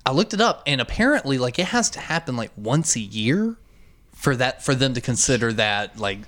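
A man chatting casually and telling stories in a rambling, animated way with plenty of swearing. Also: mid-range voice, normal speed. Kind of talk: casual chat, storytelling.

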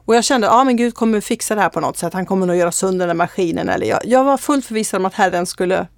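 A woman's voice: mid-range voice, no room sound. Woman, earnest testimony, casual chat, frequent fillers, close dry recording.

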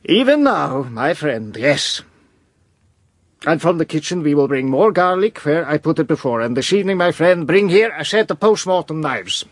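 An actor playing an elderly professor in a radio drama, speaking emphatically with halting phrases and sudden outbursts. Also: male voice, a little high, animated, no room sound. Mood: urgent. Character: elderly male professor, grave and urgent.

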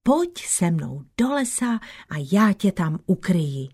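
A woman voicing a sly, hushed peasant husband. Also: on the low side, very animated, slightly rough, exaggerated voice. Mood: soothing. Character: sly, clever peasant husband, teasing and calm.

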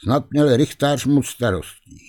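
A man reading a fairy tale aloud in a lively, expressive way. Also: mid-range voice. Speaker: storyteller.

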